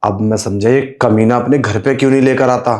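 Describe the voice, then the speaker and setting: एक चालाक, चापलूसी करता आदमी. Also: male voice, mid-range voice, steady tone, brisk, a little mellow. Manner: sly, wheedling, keeps saying "you know". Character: sleazy man faking blindness, wheedling. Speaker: actor in a short skit. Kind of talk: scripted comedy skit.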